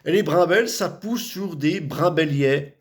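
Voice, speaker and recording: A man's voice: a little high, a little slow. A man from the Vosges with a Vosges French accent, chatting casually about local words, talking in loose repetitive bursts with many fillers. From Vosges, France.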